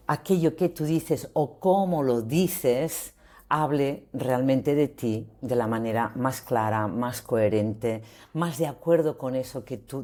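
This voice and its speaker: A woman, a voice coach explaining ideas in an interview, expressive and acting out example phrases. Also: very deep voice.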